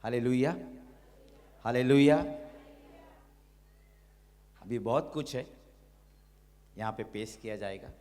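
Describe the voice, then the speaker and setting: एक पुरुष पादरी, जो उपदेश देते हुए हालेलुया दोहराते हैं और लोगों से ऊंचे, भावुक स्वर में प्रार्थना करवाते हैं।. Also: male voice, lowish voice, normal speed, long pauses. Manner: exhorting, repeats hallelujah; leads a loud impassioned prayer. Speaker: pastor. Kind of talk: sermon. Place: church hall. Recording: long reverb of a church hall.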